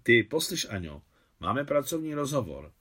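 A man reading the lines of a gentle, wealthy woman benefactor in a novel, softly and measuredly. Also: mid-range voice, sing-song, voice pushed up. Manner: soft, measured.

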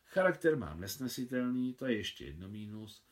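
A man's voice: mid-range voice, sing-song, distant mic, close to an everyday voice. A man as a shy, smitten young suitor. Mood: earnest. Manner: hesitant, earnest.

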